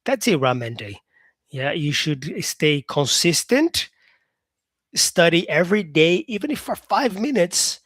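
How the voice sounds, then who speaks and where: A Brazilian English teacher with a slightly high, sing-song voice chats casually with live-stream viewers and answers their comments, upbeat and dropping in "yeah." He speaks unhurriedly with a fairly bright tone, in a dry, studio-quality recording.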